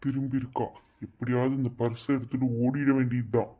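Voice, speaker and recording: A sneaky cartoon thief mutters sly asides, played by a man. His mid-pitched voice drops low as he plots. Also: level tone, fairly quick, warm tone, muffled recording, close to an everyday voice. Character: sneaky male thief, scheming.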